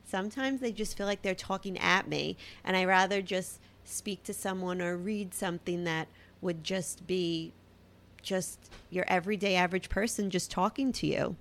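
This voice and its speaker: A woman's voice: fairly low pitch, normal speed, a bit bright. A woman in her thirties with a Brooklyn accent, hosting a solo podcast in a chatty, self-deprecating way. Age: 30s. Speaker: podcast host. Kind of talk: casual solo podcast talk.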